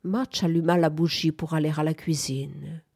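A woman reading a novel aloud as narrator, in a calm, measured manner. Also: sits low, gravelly. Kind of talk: audiobook narration.

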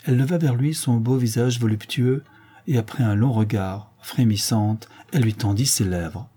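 Male audiobook narrator, steady and measured, mellow dark tone. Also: medium pitch, husky. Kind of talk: audiobook reading.

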